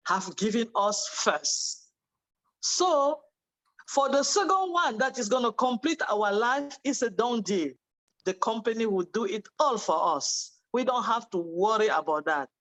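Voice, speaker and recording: On a rough-sounding video call, a Cameroonian woman with a fairly high, fairly bright voice gives a fervent testimonial as a webinar participant. She thanks the others and urges them to join.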